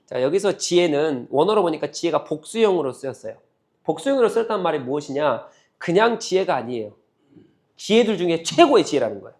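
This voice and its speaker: Pastor guy giving a sermon, kinda high voice, gets loud and pushy, lots of rhetorical questions. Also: very animated, fairly quick. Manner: emphatic, rising to loud exhortation. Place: church.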